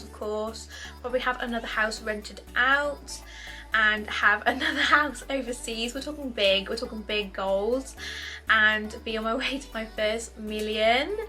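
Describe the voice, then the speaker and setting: A woman's voice: fairly high pitch, bright, forceful tone. A young woman in her twenties from the UK, chatting casually to camera in a Q&A, upbeat and repeating herself often. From United Kingdom. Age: 20s. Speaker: YouTuber.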